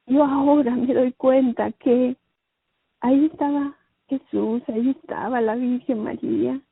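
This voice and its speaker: Slow, husky woman on a tinny line. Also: fairly high pitch, no echo. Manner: slow, halting, repeats phrases. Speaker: guest giving a religious testimony. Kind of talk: emotional personal testimony. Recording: dry, tinny phone-like line.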